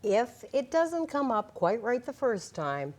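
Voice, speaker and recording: A woman's voice: fairly high pitch, big pitch swings, a little slow, darkish tone. A woman guest cook demonstrating a recipe on a TV kitchen set, encouraging and explaining each step. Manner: encouraging, explains as she works. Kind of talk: cooking demonstration. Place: TV studio kitchen.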